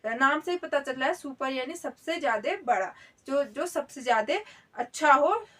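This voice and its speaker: A woman's voice: high voice, lively intonation, moderate pace, far from the mic. A woman teaching a grammar lesson, explaining step by step and checking in often. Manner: explains step by step, repeats "theek hai" often.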